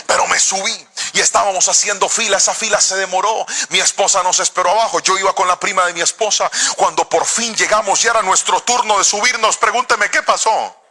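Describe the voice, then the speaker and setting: A middle-aged man from Cali with a Colombian accent, preaching a sermon and telling a story in an animated, theatrical way with sudden shouts. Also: sits high, brisk, faint music behind. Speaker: pastor.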